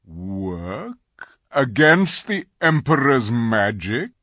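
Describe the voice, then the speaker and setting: A reader voicing a great, solemn lion who speaks gravely and slowly. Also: mid-range voice, big pitch swings, fairly bright tone, no room sound, studio quality, heavily acted. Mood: stern. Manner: grave and slow.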